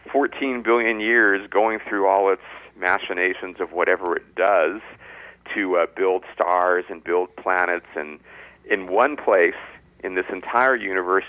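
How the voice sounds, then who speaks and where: A man explaining science as an interview guest, measured and step by step in plain words, over a narrow phone-like line. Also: sits low, no room sound.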